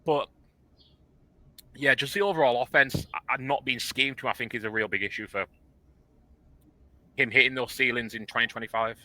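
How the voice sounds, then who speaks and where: A man co-hosting a casual football podcast, talking through player analysis in a relaxed way with many fillers. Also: mid-range voice, moderate pace, long pauses, dry recording, poor audio. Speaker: podcast co-host. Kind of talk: casual sports podcast chat.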